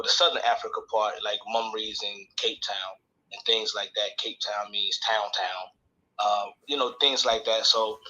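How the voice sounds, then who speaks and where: A man's voice: lowish voice, pushed and bright, rough recording. An American man talking on his phone in a casual live audio chat, humble and rambling, with many restarts. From United States. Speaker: participant.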